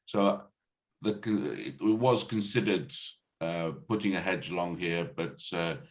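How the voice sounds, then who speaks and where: A man speaking as a planning officer, presenting a formal report on a video call in a halting, hesitant way with repeated false starts. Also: sits low. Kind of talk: formal report and answers at a meeting. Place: online video meeting.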